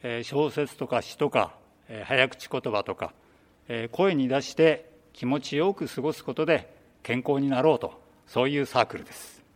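Calm man with hall reverb. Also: medium pitch, normal speed. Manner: calm, hesitant with fillers. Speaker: reading club instructor. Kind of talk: interview answers. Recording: long reverb.

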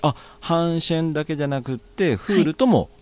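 A man's voice: a little high, a little mellow. A man hosting a radio language lesson, asking friendly questions and nodding along with short replies. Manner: friendly questioning, quick nods and back-channels. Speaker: host.

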